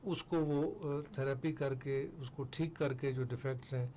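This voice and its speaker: An older man from Pakistan, a foundation head speaking as a guest in a radio studio interview, explaining steadily with pauses and fillers. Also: medium pitch, steady tone, dark tone, a little hiss or hum.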